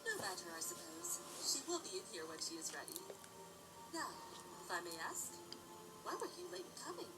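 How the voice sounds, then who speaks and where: A woman voicing a calm, gracious elder pony princess with formal, courteous speech. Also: lowish voice, a little fast. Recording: distant voice under loud music.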